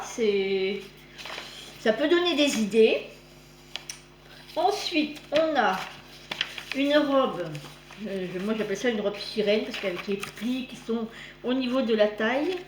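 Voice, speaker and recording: A woman with a slight lisp on her s sounds, chatting casually as she hosts a magazine review vlog. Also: fairly high pitch. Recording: roomy echo, clear background noise.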